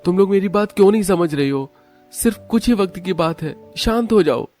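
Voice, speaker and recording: A man's voice: high-pitched, animated, a little fast, a little mellow, faint music behind, pitched above the performer's own voice. A man voicing a flustered young husband in a cartoon story, pleading in a strained way.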